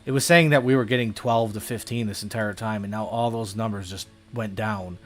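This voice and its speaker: This American man streams his gameplay and chats casually, his voice on the low side with fairly even intonation and a slightly fast pace. Faint music plays behind him as he rambles, falters, and teases himself.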